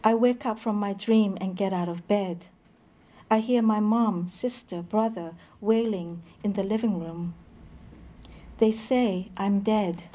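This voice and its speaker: A woman giving a poetry reading, reading slowly and in a measured way, with short introductions full of hesitant pauses. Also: medium pitch, mellow.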